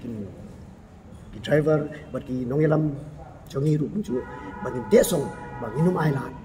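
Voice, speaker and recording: A middle-aged man giving a steady, formal press conference statement, seated at a table in a bare concrete meeting hall, picked up by a camera in front of him. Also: a little high, a little slow, over music. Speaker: association office-bearer at a press meet. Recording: noisy room background.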